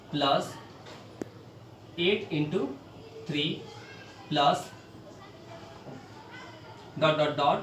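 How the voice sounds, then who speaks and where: A man's voice: fairly high pitch, a bit bright. Male maths teacher, board lesson, asks and answers himself, echoey room, mic at a distance, faint hiss.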